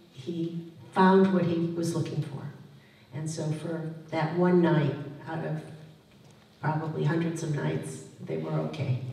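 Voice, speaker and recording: Older woman telling family story, flat even voice, halting, far from the mic in an echoey hall. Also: low-pitched. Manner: hesitant, with fillers and restarts. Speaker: lecture speaker. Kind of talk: family storytelling at a public talk. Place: museum lecture room.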